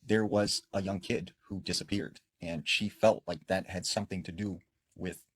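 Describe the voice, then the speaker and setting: A man telling a spooky story in a casual, earnest way, swelling up and then dropping to a hush. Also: sits low, fairly even intonation, moderate pace, slightly rough, no echo.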